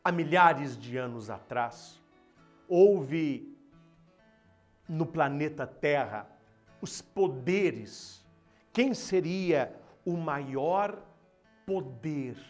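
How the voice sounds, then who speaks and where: Brazilian Portuguese male priest, emphatic sermon storyteller, unhurried, light instrumental music behind. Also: fairly high pitch. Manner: slow, dramatic, emphatic storytelling. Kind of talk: Easter sermon with a spoken parable.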